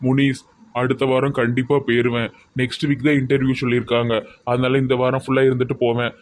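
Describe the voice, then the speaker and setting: A man's voice: mid-range voice, level tone, quick pace. A man with a Tirunelveli accent acting in a comedy skit, talking in a teasing, playful way. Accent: Tirunelveli Tamil. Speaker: comedy sketch actor.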